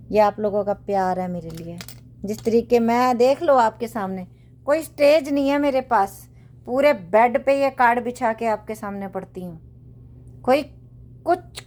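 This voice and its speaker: A woman's voice: fairly high pitch, a little mellow. A woman giving a casual tarot reading for her viewers from her bedroom. She talks earnestly and preachily, repeats phrases, and mixes in English affirmations. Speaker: tarot reader. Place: home bedroom, cards spread on a bed.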